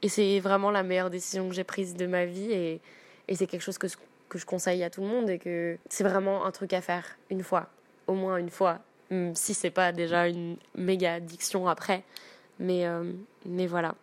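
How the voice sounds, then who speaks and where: Woman telling her story, lowish flat voice, lots of ums and restarts. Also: moderate pace. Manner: hesitant, many fillers and restarts. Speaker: interviewee giving a testimony. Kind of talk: personal testimony.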